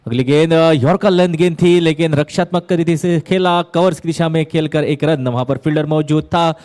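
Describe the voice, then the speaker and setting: A man with a fairly high-pitched voice calls a cricket match ball by ball. He works in measured phrases with pauses between them, lifting his delivery at key moments of play. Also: a little mellow. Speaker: cricket commentator. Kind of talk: live ball-by-ball cricket commentary.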